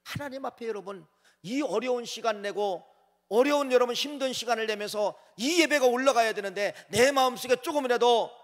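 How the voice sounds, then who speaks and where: A male pastor delivers a sermon in a church sanctuary, his voice sitting high for a man and ringing out with a long reverb tail. He preaches with animation, pushing phrases up loud and then dropping to quieter asides as he addresses the congregation directly.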